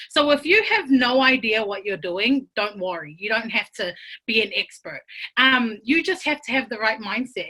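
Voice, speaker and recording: Bright-voiced woman, earnest and emotional. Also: fairly high pitch. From Tonga. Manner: earnest, emotional, with many fillers and restarts. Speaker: business speaker. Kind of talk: motivational talk over video call. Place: home. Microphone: computer mic on a video call.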